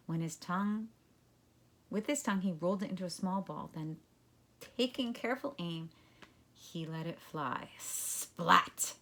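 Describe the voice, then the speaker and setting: A woman teacher reading a children's chapter book aloud to her class. Her voice sits on the low side. She tells the story expressively and acts out the scenes. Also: fairly bright tone.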